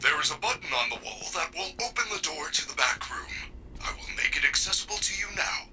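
A man's voice: a little high, expressive, a little fast, music in the background, natural voice, low-quality recording. A man voicing a kindly, protective animatronic bear in a video game, a caring robot helper with formal, precise diction. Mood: reassuring, helpful.

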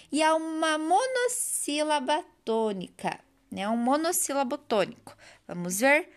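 Teaching children remotely, this Brazilian Portuguese-accented woman uses a patient, sing-song manner. Her voice is a little high and fairly bright.

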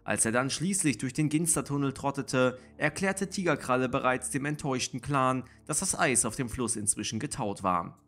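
Man, audiobook reader, storybook narration, steady, expressive, mid-range voice. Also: medium pitch, normal speed, hardly any pauses. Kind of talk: storybook reading.

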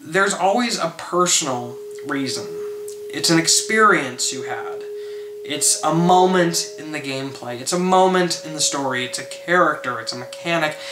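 A man's voice: on the high side, expressive, normal speed. A man talking thoughtfully to camera about why games matter. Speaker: gamer interviewee. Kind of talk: personal reflection to camera. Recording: echoey room with hum.

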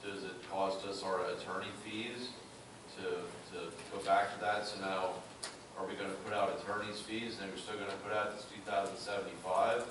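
A man's voice: fairly low pitch, level tone, fairly quick. A man on a school board making a blunt argument with pointed questions, recorded from a far camera. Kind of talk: meeting debate. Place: large meeting room. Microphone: far room camera. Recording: echoey room from far off, hissy.

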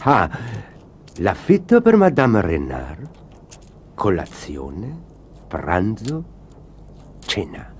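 Un attore che doppia un maestro di musica straniero di mezza età, beffardo e teatrale, in un dramma degli anni Trenta. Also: male voice, deep voice, wildly swooping pitch, drawn-out words, pauses often, slight background noise, heavily acted. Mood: scheming. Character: sly, mocking middle-aged male music maestro, foreign. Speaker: dubbing actor. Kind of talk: 1930s film drama dub.

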